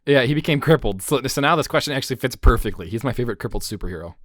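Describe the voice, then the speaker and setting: A man's voice: mid-range voice, lively intonation, racing, no echo. A man co-hosting a casual podcast, joking irreverently and laughing often. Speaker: podcast co-host.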